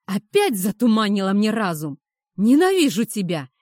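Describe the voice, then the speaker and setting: A woman's voice: mid-range voice, very animated, normal speed, dry recording, studio quality. A woman voicing a raging werewolf leader. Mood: furious. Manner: shouting, snarling threats. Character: furious male werewolf pack leader.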